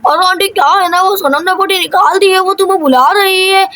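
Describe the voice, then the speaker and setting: A woman's voice: extremely high pitch, fairly quick, sharp tone. A woman voicing a cheeky young village boy in a cartoon, teasing and chatty.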